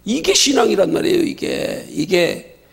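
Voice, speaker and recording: A middle-aged male pastor leading a Bible study, emphatic and full of rhetorical questions, at times shouting. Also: high voice, huge pitch swings, moderate pace, vocal fry.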